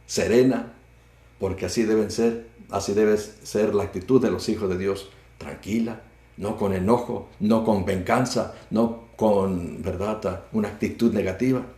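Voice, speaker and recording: Male pastor, mellow low voice, fervent sermon cadence, roomy echo. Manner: fervent, repetitive preaching cadence.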